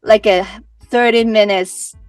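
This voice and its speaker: A young Hong Kong woman, a singer-songwriter appearing as a guest, answers interview questions casually in a Hong Kong accent; Cantonese is her first language. She is chatty, fills her speech with "like," and often restarts sentences. Her mid-range voice is steady, slow and a little mellow, captured dry and from a distance over soft background music.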